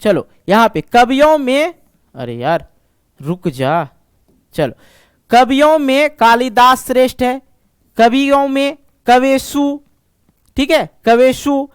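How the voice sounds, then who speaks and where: A male Sanskrit teacher giving an online lesson, patient and reassuring, repeating words slowly. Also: extremely high pitch, lively intonation, clean tone, no echo, clean studio sound. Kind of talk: online exam-prep lesson.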